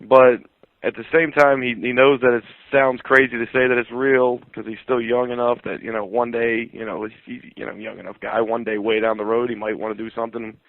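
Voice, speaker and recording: Fast-talking man on a tinny phone line. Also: mid-range voice, flat delivery, dry recording. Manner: blunt, profane, fast-talking. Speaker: radio co-host. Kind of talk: casual wrestling talk radio.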